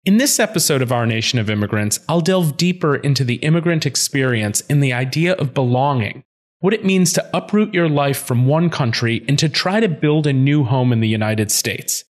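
A man hosting and narrating a podcast series in a measured, clear delivery. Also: mid-range voice, expressive. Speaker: podcast host.

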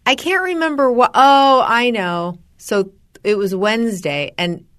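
A woman's voice: on the high side, a little slow, fairly bright tone, smooth. A middle-aged woman co-hosting a podcast, telling personal stories in casual chat. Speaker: podcast co-host.

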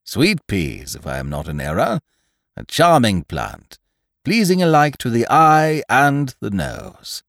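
A man voicing a stern, pompous older gentleman who speaks slowly and formally. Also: mid-range voice, sing-song, vocal fry, no room sound, clean studio sound, exaggerated voice. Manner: slow, ponderous, formal. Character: stern pompous older male nerve doctor.

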